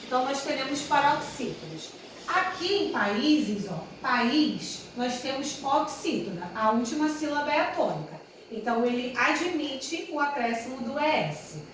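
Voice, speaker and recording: A woman teaching grammar in a high, unhurried voice, repeating every example and stopping now and then to correct herself. She sounds far from the microphone, in a very echoey room with faint ambient noise behind her. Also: sing-song, fairly bright tone. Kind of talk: grammar lesson at a whiteboard.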